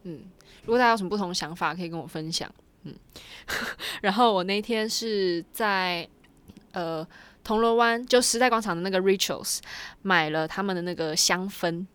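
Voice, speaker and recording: A woman tells a story to her viewers in a loose, rambling way, dropping in small laughs now and then. Her pitch sits in a middle range. The recording is dry and close, with no room sound. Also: a bit bright, no room sound. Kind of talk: casual storytelling vlog.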